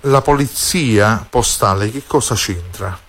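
A man's voice: lowish voice, unhurried, a bit bright, slight background noise. A man with a Neapolitan accent talking bluntly and insistently as a fortune-telling host on a live call-in show, slipping into dialect and repeating himself. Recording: music behind the voice.

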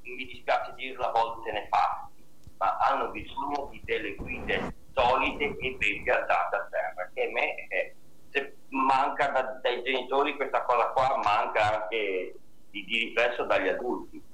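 A man's voice: mid-range voice, unhurried, fairly bright tone, a little hiss or hum. A man calling in to a radio show on speakerphone, sounding distant. He talks in an earnest, moralizing way and stumbles on repeated syllables. He works with young people. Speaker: radio call-in caller. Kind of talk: opinionated call-in talk. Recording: echoey distant speakerphone call.

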